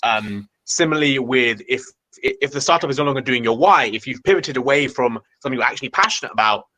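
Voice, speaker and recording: A man on a startup panel answers in a structured way, working through his points in turn. His voice is bright and forward. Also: medium pitch, animated, fast, poor audio.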